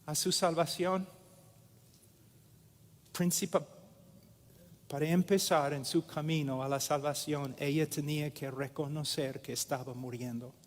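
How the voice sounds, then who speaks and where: Slow, deliberate male preacher. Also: on the high side, darkish tone. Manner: slow, deliberate, with many pauses. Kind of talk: sermon. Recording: echoey hall with long reverb.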